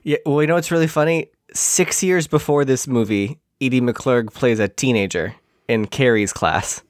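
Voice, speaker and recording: A man co-hosting a podcast, chatting casually about a movie with quick, offhand asides. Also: medium pitch, dry recording, studio quality. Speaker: podcast co-host. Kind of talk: casual movie-review chat.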